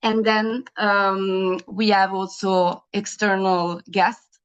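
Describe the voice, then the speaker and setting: A woman's voice: mid-range voice, flat delivery, slow, clean tone. A young woman with an Italian accent hosts an online webinar. She talks with frequent ums and uhs. Her voice sits in the middle range and comes through dull, lo-fi video call audio. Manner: hesitant, many ums and uhs. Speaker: webinar host.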